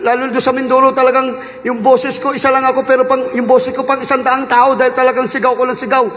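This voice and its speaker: A man in his fifties, from the Philippines, preaching a fervent sermon that swings between loud shouts and quiet asides, recorded in a church hall. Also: extremely high pitch, flat delivery, quick pace. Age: 50s. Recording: echoey hall with long reverb.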